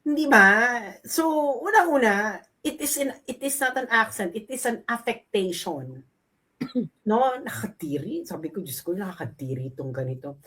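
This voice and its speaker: A woman's voice: on the high side, lively intonation, unhurried, pushed and bright, breathy edge. A woman co-hosting a gossip commentary show, talking bluntly and emphatically as she criticizes someone. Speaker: show co-host.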